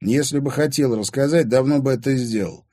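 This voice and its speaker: A man's voice: mid-range voice, fairly quick, dark tone, no echo, studio quality, pitched above the performer's own voice, close to an everyday voice. A man voicing a cool-headed young student who answers coldly and curtly. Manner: cold, curt.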